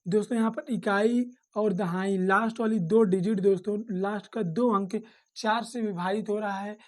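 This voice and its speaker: A woman's voice: mid-range voice, steady tone, moderate pace, darkish tone. Woman patiently walking through a maths lesson. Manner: repetitive, calls listeners "friends" often. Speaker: maths teacher.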